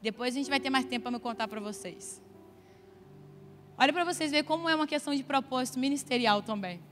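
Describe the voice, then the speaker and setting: A woman's voice: high-pitched, fast talker, slight background noise. A woman with a Brazilian Portuguese accent preaching a sermon in a church, telling stories conversationally with playful asides to the congregation. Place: church sanctuary. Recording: long church reverb, soft music behind.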